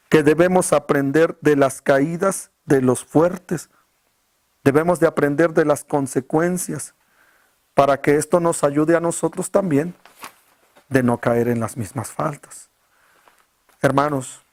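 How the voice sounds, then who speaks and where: The male preacher keeps launching rhetorical questions at the people in front of him during his sermon. When a word matters most, he brings his voice down low and quiet.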